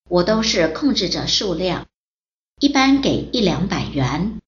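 A woman reading a first-person testimony aloud in a steady reading voice. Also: medium pitch. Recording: roomy, dull lo-fi recording.

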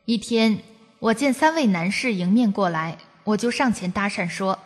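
A woman's voice: mid-range voice, expressive, moderate pace, long reverb tail. A woman from China reading a first-person testimony aloud, in an earnest, preachy storytelling cadence.

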